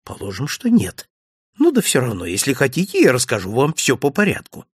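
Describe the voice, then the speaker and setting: A man voicing a chatty, jovial male village innkeeper in an audiobook, pitching his voice up and sounding excitable. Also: brisk, husky, no room sound, clean studio sound. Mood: gossipy.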